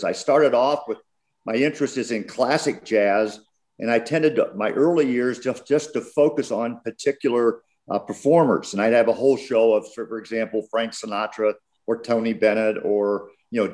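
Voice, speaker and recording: An American man with a mid-pitched voice chats as a radio show host. He is easygoing and wanders a little from phrase to phrase in casual conversation. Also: darkish tone. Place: remote group video call.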